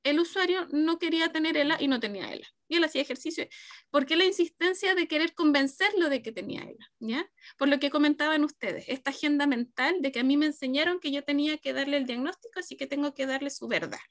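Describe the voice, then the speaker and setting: A woman's voice: sits high, fast, no echo, clean studio sound. A woman moderating an academic panel, reflecting aloud before putting her questions to the guests. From Chile. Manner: reflective, asks questions, gestures a lot.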